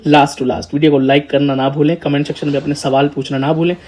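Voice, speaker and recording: A man talks students through the details in a loose, chatty way. His voice sits a little high for a man. He keeps the tone informal, addressing his listeners as brother or child. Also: level tone, quick pace, darkish tone. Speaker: educator, channel host. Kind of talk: casual explanatory talk to students.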